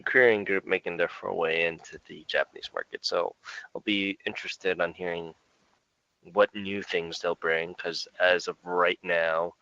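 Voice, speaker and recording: A man with a lowish voice and a bright, forceful edge talks loosely on a music podcast. He rambles and fills gaps with "um" and small chuckles. The sound is dry and a little dull, like a lo-fi home mic. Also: unhurried, gravelly, no echo. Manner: relaxed, rambling, frequent fillers and chuckles. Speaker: podcast co-host. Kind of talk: casual music podcast chat.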